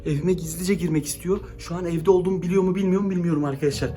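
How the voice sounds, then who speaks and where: A man vlogging at home with dramatic, breathless talk that often drops to hushed whispers. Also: high voice, steady tone, racing, very noisy. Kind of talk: excited vlog narration.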